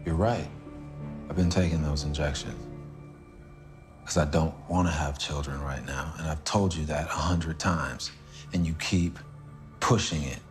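An actor playing a controlling husband who lays down the rules of the house in a film drama. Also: male voice, extremely low pitch, measured pace, long pauses, soft background music. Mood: defensive. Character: controlling, threatening husband, adult man.

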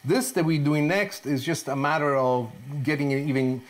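Middle-aged man, expressive TV chef. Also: on the high side, normal speed, noisy background. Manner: expressive, explains each step with rhetorical questions. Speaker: TV chef host. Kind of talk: cooking show presentation. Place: home kitchen, indoors.

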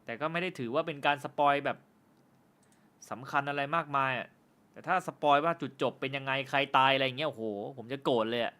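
A man hosting a film review channel, chatting casually with viewers on a live stream. He jokes, swears freely, and says he stumbles and stutters when he talks fast. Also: mid-range voice, pushed and bright. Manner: loose and joking, with frequent swearing.

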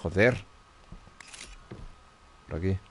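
A man's voice: deep voice, extremely slow, creaky, fairly bright tone, husky. Tense Spanish man muttering over gameplay. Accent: Spain Spanish. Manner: tense, muttering, frequent swearing. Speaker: streamer. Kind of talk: live horror gameplay commentary.

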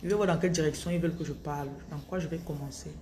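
A woman in her thirties from Cameroon with a Cameroonian French accent, giving a slow, thoughtful spiritual talk to her followers into a phone in a small tiled room. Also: low voice, fairly even intonation, warm tone, a little hiss or hum. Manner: slow and thoughtful, with frequent restarts. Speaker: spiritual coach. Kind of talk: reflective spiritual monologue to followers. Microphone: phone held close at arm's length.

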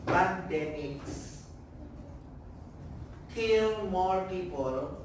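A man's voice: high voice, very slow. A middle-aged man teaching a class, dictating word by word and calling out spellings and punctuation. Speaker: workshop lecturer on research writing. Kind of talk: classroom teaching with call-and-repeat drills. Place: classroom with whiteboard, indoors. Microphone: distant camera in the audience. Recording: echoey classroom, distant mic, noisy background.

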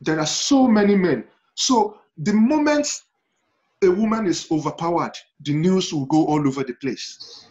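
A man with a Yoruba Nigerian accent and a fairly high voice talks on a panel. He is emphatic, repeating himself and throwing out questions. The video call sounds slightly dull and lo-fi. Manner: emphatic storytelling with rhetorical questions and repetition. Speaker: panel guest. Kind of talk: impassioned panel discussion. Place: indoor room at home, video call.

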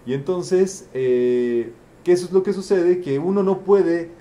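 A man's voice: high-pitched, a little slow, warm tone. A man facilitating a group teaching session, asking the participants questions and repeating their answers back with a frequent "¿verdad?". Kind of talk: interactive group teaching talk.

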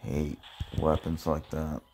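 A young man muttering frustrated commentary while pulling in a mobile game, grumbling with sudden yelled outbursts. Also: a bass voice, monotone, slow pace, slight background noise. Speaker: gamer. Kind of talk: casual gacha pull commentary.

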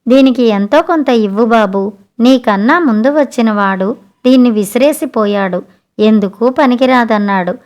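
A woman's voice: fairly high pitch, normal speed, darkish tone, natural voice. A woman reading a storybook, voicing a poor mother who pleads with traders. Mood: pleading. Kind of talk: storybook narration.

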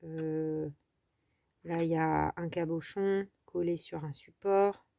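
A woman's voice: deep voice, steady tone, slow pace, creaky, dark tone, dry recording. A French woman hosting a casual crafting tutorial, talking in a chatty, rambling way with many fillers.

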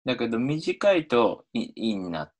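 A man lecturing on linguistics over slides, talking in an animated way with many hesitations, fillers and restarts. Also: measured pace. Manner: animated, pitch swinging up and down. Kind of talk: explaining phonology over slides.

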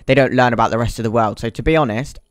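A man's voice: mid-range voice, very fast, a little hiss or hum. A man hosting a reaction video, musing wryly and breaking into sudden exclamations, speaking on a headset mic at his desk. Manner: musing, wry, drops in exclamations. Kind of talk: casual reaction commentary.

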